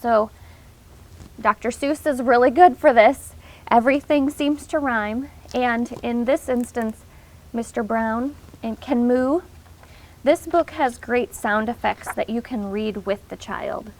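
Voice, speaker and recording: A woman's voice: fairly high pitch, takes it slowly. A woman giving an informal, instructional talk to parents, explaining things in an encouraging way.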